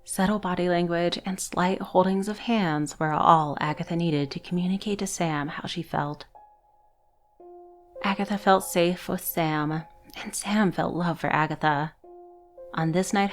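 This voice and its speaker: A woman narrates a scary story at a very slow, measured pace, in a somewhat low voice. Her delivery is scripted and deliberate. Faint background music plays beneath her.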